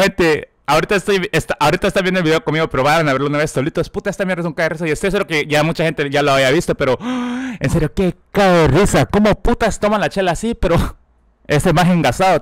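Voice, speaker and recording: High-voiced Korean man, crude slang. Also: no echo, clean studio sound. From South Korea. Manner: crude slangy, laughs often. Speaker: reaction video host. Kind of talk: casual reaction commentary.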